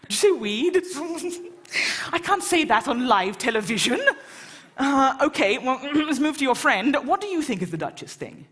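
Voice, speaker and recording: A woman's voice: high voice, very animated, unhurried, a bit bright, husky. An English woman hosting a live event, joking and chatting with the audience on stage. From England. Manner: joking, chatty, teasing the crowd. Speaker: event host. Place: lecture hall with live audience.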